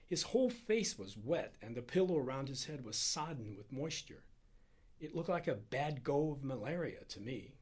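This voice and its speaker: A man reading a story aloud with a dramatic, expressive delivery. His voice is husky and a little rough, and it rises and falls in pitch a lot. He lets the tension build as the tale goes on. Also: normal speed. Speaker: reader. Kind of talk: scripted narration.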